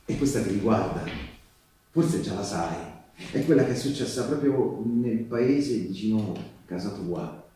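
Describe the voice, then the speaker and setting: A stage actor with a lowish voice, lightly acting the part of a storyteller, tells partisan war stories to Teresa in an intimate, subdued, grave mood. His dramatic, theatrical narration uses emphatic repetitions and swings from urgent cries to hushed pauses. It is recorded live on an echoey, theatre-like stage from a distant mic, with live music behind him and slight background noise.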